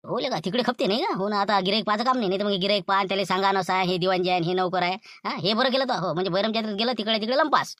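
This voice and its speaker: A woman's voice: mid-range voice, a bit bright, dry recording, studio quality, lightly acted. A woman with a Varhadi Marathi accent playing an anxious accomplice who keeps warning against the plan. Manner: anxious, cautioning, very rapid. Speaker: worried accomplice in a comedy skit.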